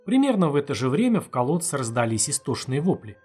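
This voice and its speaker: A man narrating an audiobook at a middle pitch, reading steadily and evenly. Soft background music runs faintly under his voice. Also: very animated, fast talker. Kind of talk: scripted narration.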